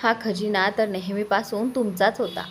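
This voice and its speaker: A woman's voice: medium pitch, fairly even intonation, moderate pace, a little hiss or hum, close to an everyday voice. A woman voicing a young wife in a romantic storybook reading. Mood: playful. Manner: pleading, teasing. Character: young wife, startled then playful.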